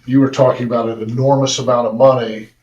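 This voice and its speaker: A man's voice: medium pitch, flat delivery, darkish tone, dull audio, slight background noise. A man, a public defender, speaking earnestly at a county meeting, often restarting his sentences. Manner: earnest, halting with repeated restarts. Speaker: drug court public defender. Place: county council chambers. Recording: roomy chamber audio from far mic.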